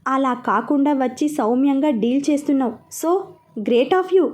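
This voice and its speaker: A woman's voice: high-pitched, a little slow, darkish tone. A woman voicing a middle-aged, status-proud father in a storybook reading, blunt and firm. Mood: gracious. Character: stern wealthy father, middle-aged man.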